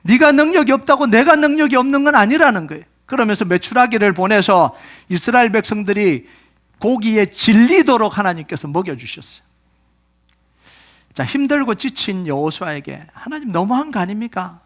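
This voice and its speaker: A man with a notably high voice preaches in a church, full of energy. He voices anguished prayers that swell in force, then drops back to an explaining tone. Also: moderate pace. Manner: animated preaching, acts out pleading prayers with rising intensity. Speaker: pastor. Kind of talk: sermon. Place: church sanctuary.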